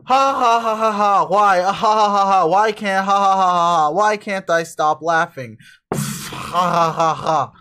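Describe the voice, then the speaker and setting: A man's voice: high-pitched, lively intonation, moderate pace, fairly bright tone. A man voicing a cool, ironic teenage boy who swears a lot and rambles, in a dramatic reading of a webcomic. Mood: laughing. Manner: profane, rambling, laughs a lot.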